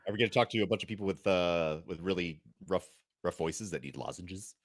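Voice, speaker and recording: A man's voice: deep voice, brisk. A man co-hosting a podcast in casual chat, with jokey banter. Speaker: podcast co-host.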